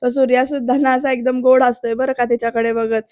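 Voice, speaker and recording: A woman gives a voice-over recap of a TV serial episode, speaking straight to her viewers. Her voice sits high and stays fairly level. She reads the characters' dialogue aloud without much change in her tone. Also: flat delivery, brisk, darkish tone, lo-fi sound. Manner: retells scenes, addressing viewers directly; reads characters' dialogue in quotes, mostly plainly.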